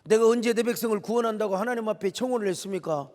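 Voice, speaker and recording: A Korean pastor voicing an exasperated prophet who pleads and protests to God. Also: male voice, high-pitched, racing, a little mellow, close to an everyday voice. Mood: indignant. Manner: pleading, indignant complaints. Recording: echoey church hall.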